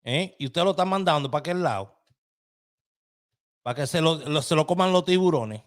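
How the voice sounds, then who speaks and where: A middle-aged Dominican man hosts a live opinion commentary show, speaking passionately and colloquially straight to his listeners. His male voice is a little high, with lively intonation at normal speed.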